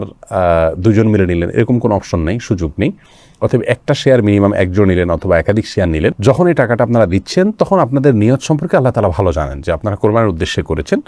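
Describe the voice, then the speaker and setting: A man's voice: fairly low pitch, dry recording. A middle-aged man, an Islamic scholar, reading out viewer questions and answering them one by one in an explanatory way. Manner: reads each question then answers calmly, explanatory. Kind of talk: live Q&A religious answers.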